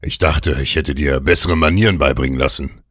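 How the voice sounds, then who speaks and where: A feverish, domineering old uncle , as a male audiobook narrator puts him on, his voice extremely deep. He talks in a gruff, commanding way that turns slow and intense. The sound is dry and close. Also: a bit bright, no room sound. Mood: curt.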